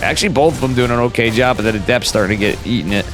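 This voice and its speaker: Stuffed up with a cold, his nose whistling, a man calls live esports in an informal, slangy, chatty style. His mid-range voice moves very fast over music.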